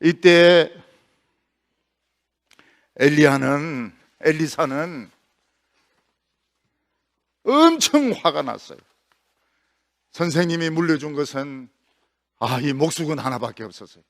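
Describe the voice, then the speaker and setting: A male pastor preaching a sermon as a dramatic story, even mimicking the sound of hoofbeats. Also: a little high, takes it slowly, long pauses.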